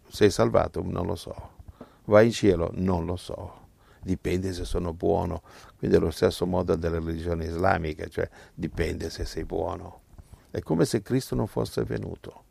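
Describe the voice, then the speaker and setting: Male preacher, deep and slow, fiery sermon delivery. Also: gravelly, dry recording. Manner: impassioned, swinging from low murmurs to loud exclamations. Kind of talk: evangelical sermon.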